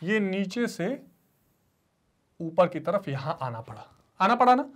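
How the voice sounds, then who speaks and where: Male teacher with a lively, swooping delivery. He works in call-and-response, has students repeat key terms, and answers for them himself. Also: high voice, slow. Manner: voices students' replies to himself; mixes English terms into his explanation. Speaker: economics teacher. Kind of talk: online classroom lecture.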